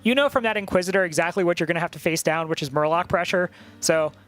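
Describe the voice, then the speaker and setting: A man casting a card game tournament, talking through plays with quick joking banter. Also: high-pitched, fairly bright tone. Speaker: esports caster. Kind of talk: play-by-play commentary.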